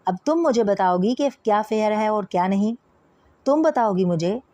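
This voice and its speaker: A woman's voice: medium pitch, expressive, normal speed, dark tone, dry recording, lightly acted. Woman reading a domineering stern father. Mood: angry. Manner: authoritative, commanding.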